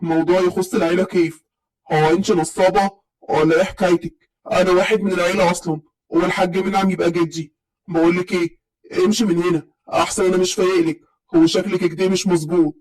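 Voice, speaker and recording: A man's voice: high-pitched, little pitch movement, fast, darkish tone, far from the mic, voice pushed down, close to an everyday voice, low-quality recording. A woman voicing a brusque, arrogant young man from Upper Egypt who talks down to others, in an Upper Egyptian accent. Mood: scornful. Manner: dismissive, curt, scornful.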